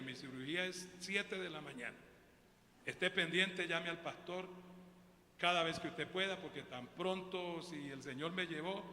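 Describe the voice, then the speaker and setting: A man's voice: a little high, bright, forceful tone, a little hiss or hum. A man preaching a sermon as pastor, with a Colombian Spanish accent and an emphatic style, calling the congregation "brother". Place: church hall. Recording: echoey church hall with long reverb.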